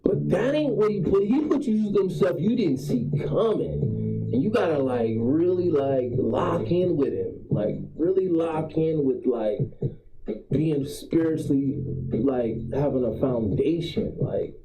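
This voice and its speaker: A man's voice: a little high, animated, a little slow, vocal fry, mellow. A man streaming live, giving a rambling, preachy pep talk and repeating his points for emphasis. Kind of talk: casual motivational monologue. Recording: roomy sound with faint guitar music behind.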